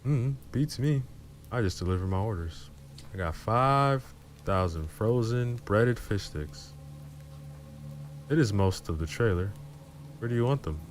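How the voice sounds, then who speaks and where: Drawling easygoing young trucker, put on by a male narrator, pitched well above his own deep voice. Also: lively intonation, unhurried, pauses often, slight background noise.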